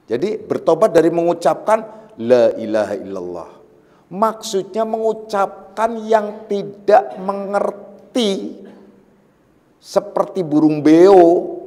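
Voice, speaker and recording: In a religious study lecture on a classical text, a Sufi teacher with a slightly high, darkish voice explains patiently, returning to key phrases and using everyday examples. He warns emphatically, and the audio carries a big-room sound.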